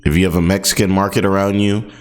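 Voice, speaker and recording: A man's voice: sits low, level tone, fast. A man hosting a commentary video, talking in a laid-back, rambling way, full of fillers and laughs. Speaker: commentary channel host. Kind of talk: casual commentary.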